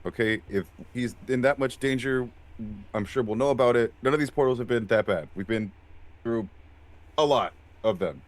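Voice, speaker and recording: A man playing a tabletop game, hesitant and stammering as he speaks in character. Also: medium pitch. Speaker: player. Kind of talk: casual tabletop role-play.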